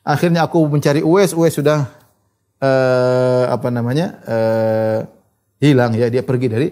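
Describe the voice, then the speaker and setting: A man giving a religious lecture, reciting Arabic narrations and retelling them in a lively storytelling way. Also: medium pitch, normal speed. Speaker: Islamic preacher.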